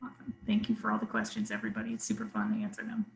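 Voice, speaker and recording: A woman's voice: medium pitch, big pitch swings, rapid-fire, creaky, a little hiss or hum. A woman answering questions in a casual webinar, chatty and hesitant with many fillers. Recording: echoey room.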